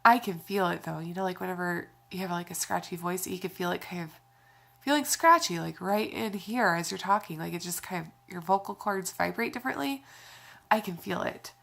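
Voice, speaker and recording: A woman's voice: lowish voice, brisk, gravelly, a bit bright. A young woman vlogging casually while sick, her voice scratchy and congested from a cold, rambling with sighs and fillers. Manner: rambling, sighing, with frequent fillers. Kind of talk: casual vlog talk.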